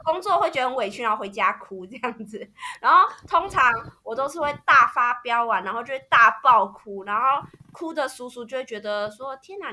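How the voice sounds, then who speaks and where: A woman co-hosting a casual chat, telling animated stories with lots of laughter and acting out her own outbursts. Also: fairly high pitch. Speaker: podcast co-host.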